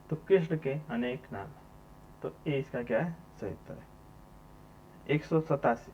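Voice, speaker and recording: A man teacher going through exam questions one by one, repeating each question number and then answering it himself. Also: fairly high pitch. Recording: dull lo-fi sound with mains hum.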